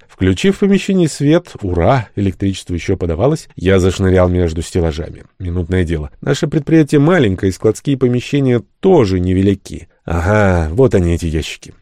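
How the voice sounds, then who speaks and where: A man reading a first-person story aloud expressively, with sudden jumps in pitch on emphasis. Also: dark tone, no room sound, clean studio sound. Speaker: audiobook narrator. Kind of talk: first-person audiobook narration.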